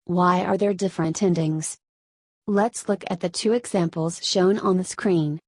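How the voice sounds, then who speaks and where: A Spanish woman, a native Spanish speaker, explaining Korean grammar in English with a Spanish accent, in steady step-by-step scripted narration. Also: fairly low pitch, measured pace, husky, no echo. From Spain. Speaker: Korean language teacher.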